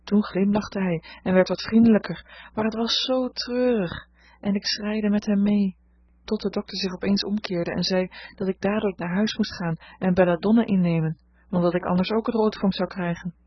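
Woman reading a story aloud, steady, husky, dry close sound, bit dull. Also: medium pitch, normal speed, no echo. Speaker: audiobook reader. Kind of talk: scripted narration. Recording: dull lo-fi recording.

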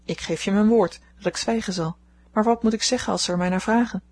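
Earnest young gentleman, protective, read by a woman narrator, husky tone. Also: medium pitch, fairly quick, lightly acted.

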